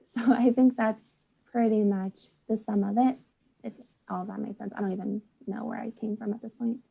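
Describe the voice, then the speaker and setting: A woman's voice: fairly high pitch, steady tone, moderate pace, gravelly, dark tone, slightly rough, dull audio. A young woman from the United States talks casually as a guest, chatty and full of "like", acting out quotes as she goes. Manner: chatty, lots of "like", acts out quotes. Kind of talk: casual conversation.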